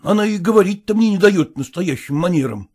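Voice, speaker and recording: A man voicing a smug, old-fashioned merchant who speaks in an obsequious, drawn-out way. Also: high voice, expressive, darkish tone, breathy edge, pitched above the performer's own voice. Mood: placating. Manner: obsequious, drawn-out, adding a polite "-s".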